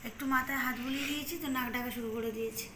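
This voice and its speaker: A woman in her thirties talks to her vlog viewers from home, rambling from one thing to the next with lots of fillers. Her voice sits high and sounds bright and forceful. Faint noise sits behind her. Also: steady tone, racing, low-quality recording. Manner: rambling and chatty, with many fillers. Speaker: home vlogger. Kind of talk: casual chat to viewers. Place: at home indoors.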